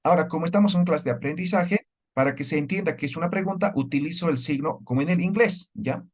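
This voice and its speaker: Higher-pitched male teacher quizzing his class. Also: fast. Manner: explains step by step and keeps checking with the class through questions. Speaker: language teacher. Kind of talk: classroom lecture.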